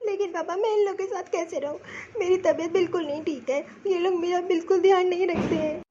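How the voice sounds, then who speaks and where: A very high, weepy young wife, voiced by a woman, ill and pleading to be taken home. Her cartoon voice complains softly and sadly. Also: normal speed, muffled recording, a little hiss or hum. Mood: tearful. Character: sick young married woman, tearful and pleading. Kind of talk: cartoon voice acting.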